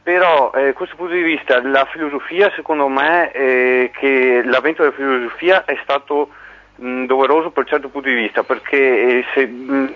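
A man calling in to a radio show over the phone, talking casually and hesitantly with many pauses and fillers. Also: medium pitch, fairly even intonation. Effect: heard over a phone line. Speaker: radio caller. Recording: dull phone line on radio.

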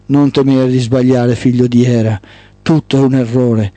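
Ancient night spirit lady, a guy doing her, solemn and slow, dark mellow voice, dry sound. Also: medium pitch, steady tone, dry recording, natural voice. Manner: slow, solemn whispering pronouncements.

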